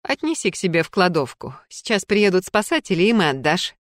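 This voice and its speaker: A woman's voice: fairly low pitch, very animated, fairly quick, dry recording, studio quality. A woman reading a story, voicing an elderly female museum keeper who speaks in a stately, commanding way.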